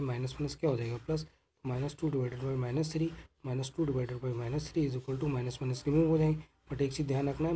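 A man's voice: mid-range voice, dark tone, a little hiss or hum. A man teaching math, talking through each step, asking questions and then answering them, and mixing Hindi with English phrases. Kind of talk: explaining math steps.

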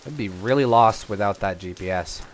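A man's voice: fairly low pitch, moderate pace, a little hiss or hum. A man hosting a gaming video, chatting casually with his co-op partners as he plays. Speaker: host of a gaming video series. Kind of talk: casual co-op gameplay chat.

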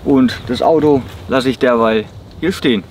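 A man's voice: medium pitch, normal speed. A young man vlogging a road trip outdoors, talking casually to a handheld camera and chuckling now and then. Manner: relaxed, chuckles between remarks. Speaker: travel vlogger. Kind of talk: casual travel vlog. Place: outdoors by a car and in woods. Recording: background music under the voice. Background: music.

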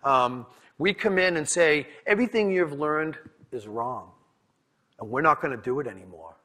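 His voice leans high, pushed and bright, with lively intonation at a moderate pace. A Boston-accented conference speaker from New England, he presents in a conference room in a candid storytelling style, often repeating and restarting words.

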